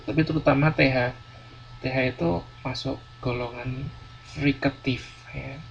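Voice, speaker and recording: A man's voice: mid-range voice, steady tone, measured pace, gravelly. A male university lecturer teaching a class, explaining patiently and repeating words with many fillers. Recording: dull lo-fi classroom recording, faint noise.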